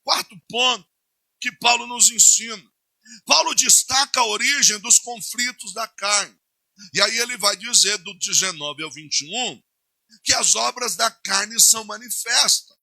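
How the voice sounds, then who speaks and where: A male pastor with a Brazilian Portuguese accent preaching a sermon, swinging between loud declarations and hushed asides. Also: high-pitched, a little slow, creaky, dry recording.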